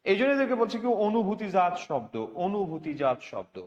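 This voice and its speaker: Man teacher from Bangladesh, high voice, repeats himself and prompts students; dull, reverberant recording. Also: big pitch swings, fairly quick. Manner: repetitive, asks students for responses. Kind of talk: online class lecture. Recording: dull lo-fi audio with long reverb.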